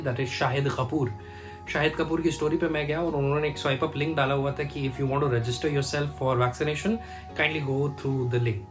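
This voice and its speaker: A man's voice: a little high, a bit bright. A man chatting casually to his phone camera at home, mixing English phrases into his talk. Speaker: vlogger. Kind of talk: casual vlog chat to camera. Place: home room, indoors.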